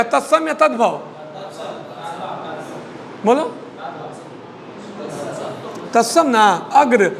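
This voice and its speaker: A man's voice: very high-pitched, fairly bright tone, long reverb tail. A man teaching a Hindi class, drilling word pairs, repeating each word and prompting students to answer. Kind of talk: classroom lesson.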